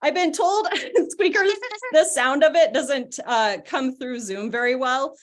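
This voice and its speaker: A young woman with a high voice leads a live online dog training session. She explains each step in a friendly, chatty way and giggles often. Her voice comes through a video call. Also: unhurried. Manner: chatty, giggly, gives short cues to a dog.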